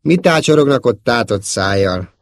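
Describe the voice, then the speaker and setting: A man's voice: mid-range voice, expressive, no echo, clean studio sound. A man voicing a young princess who talks in a scolding, imperious way. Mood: commanding. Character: young princess, commanding and sharp-tongued.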